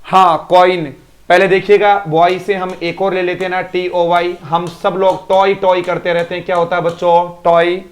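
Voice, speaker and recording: Even-toned man drilling pronunciation. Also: high voice, normal speed. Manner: drills pronunciation by repeating words; praises students by name. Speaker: English teacher. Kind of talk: live online class.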